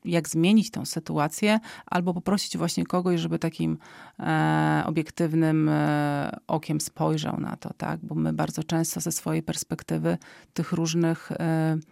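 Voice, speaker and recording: Low, creaky-voiced woman explaining calmly. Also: a little slow, no room sound, clean studio sound. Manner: calm and explanatory, often ends points with a questioning "tak?"; frequent hesitation fillers. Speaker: psychology expert guest. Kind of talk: explanatory interview answers.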